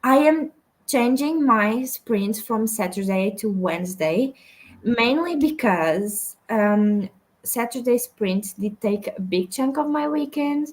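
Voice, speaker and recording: A woman's voice: a little high, animated, slow pace, rough recording. A young woman from Portugal hosting a casual livestream, chatting and reading viewer comments aloud with many fillers. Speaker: livestream host. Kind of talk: casual chat while reading chat messages.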